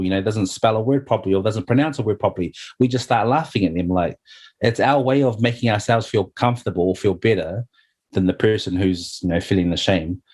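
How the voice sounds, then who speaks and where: A man's voice: lowish voice, a little mellow. A middle-aged man, sharing his story earnestly and heartfelt as an interview guest, often saying "you know". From New Zealand.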